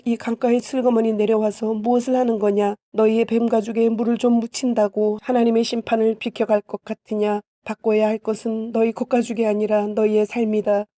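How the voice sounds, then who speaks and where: A woman reading the lines of a stern male desert preacher in a storybook Bible, in her own steady rebuking voice. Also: on the high side, no echo, clean studio sound, natural voice.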